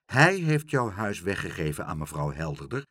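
A man voicing a kindly male bookseller in a storybook reading, earnest and quick to take offense on a friend's behalf. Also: low voice, very animated, fairly bright tone, no room sound, studio quality, pitched below the performer's own voice, full character voice. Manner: earnest, indignant.

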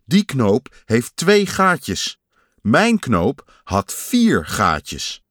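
A man voicing a fussy, grumbling male storybook creature in a slow, insistent, complaining way. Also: mid-range voice, wildly swooping pitch, a bit bright, no echo, studio quality, full character voice. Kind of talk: storybook voice acting.

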